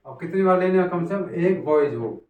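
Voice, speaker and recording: A man's voice: high voice, animated, brisk, narrow, tinny audio. A man teaching a math class, repeating points and checking that his students follow. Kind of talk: classroom lesson. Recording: echoey room, voice from far off.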